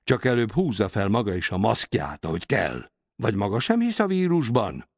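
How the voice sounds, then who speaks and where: A man's voice: lowish voice, big pitch swings, dry recording. A man voicing a dry, wry male doctor in an audiobook, given to muttering.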